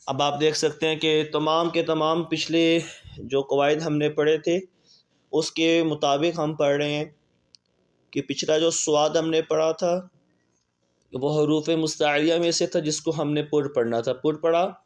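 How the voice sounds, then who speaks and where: A man teaching a Quran spelling lesson, explaining quickly, then spelling letters in slow drawn-out drills. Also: a little high, little pitch movement.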